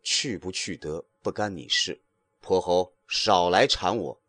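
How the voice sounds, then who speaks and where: A man's voice: sits low, unhurried, fairly bright tone, dry recording, pitched below the performer's own voice. A man voicing a stern older male monk master who talks in a scolding way.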